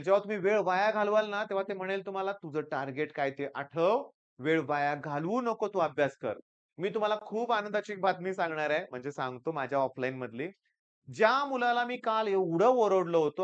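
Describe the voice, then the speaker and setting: A man from the Sangli region, an engineering maths teacher giving students an earnest, animated motivational talk. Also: high voice, clean tone, muffled recording. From Sangli region, Maharashtra.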